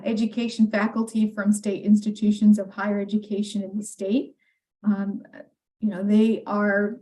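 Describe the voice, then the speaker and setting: A woman's voice: mid-range voice, dark tone, rough recording. A woman on legislative staff explaining education governance to a committee, with frequent fillers. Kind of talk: committee briefing.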